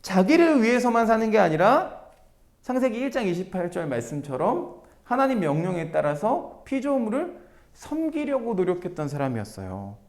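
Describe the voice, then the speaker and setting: Korean guy teaching bible, high voice, swoops up and down a lot, keeps asking questions back. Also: moderate pace. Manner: animated, asks the listeners rhetorical questions; addresses listeners directly as everyone. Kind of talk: Bible teaching to a video audience.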